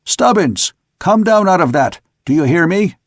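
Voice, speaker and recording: An actor playing an angry older male ship captain who shouts commands from the rigging. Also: high-pitched, lively intonation, moderate pace, dry recording, studio quality, pitched above the performer's own voice. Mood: shouting angrily.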